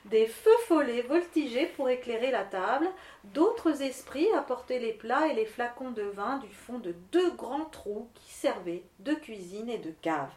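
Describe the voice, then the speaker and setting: A woman reads a fairy tale aloud in a steady, expressive storytelling voice. Her voice sits a little high, and the room lends it a noticeable echo. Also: unhurried. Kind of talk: storybook narration.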